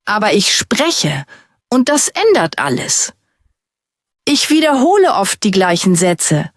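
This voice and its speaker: A woman narrating a simple first-person story for beginners, in slow, clear, short sentences. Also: mid-range voice, sing-song, dry recording, studio quality. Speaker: language teacher narrating a story.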